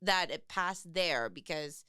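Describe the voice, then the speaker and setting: A woman's voice: fairly low pitch, slow, pushed and bright, clean tone, dry recording, clean studio sound. A young adult woman co-hosting a podcast, speaking frankly and with exasperation, using fillers. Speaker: podcast co-host. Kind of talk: casual conversation.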